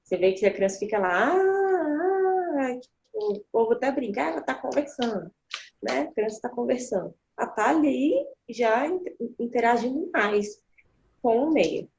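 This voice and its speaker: A woman speaking as a guest, explaining child development in animated conversation and acting out the voices she quotes. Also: on the high side, normal speed, vocal fry, a little hiss or hum. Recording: dull lo-fi sound.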